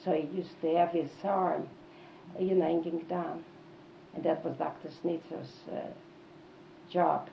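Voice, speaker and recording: An elderly woman reminisces in an interview, halting and repeating phrases for emphasis. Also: low-pitched, fairly even intonation, gravelly. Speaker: oral history interviewee. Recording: dull, lo-fi tape with faint noise.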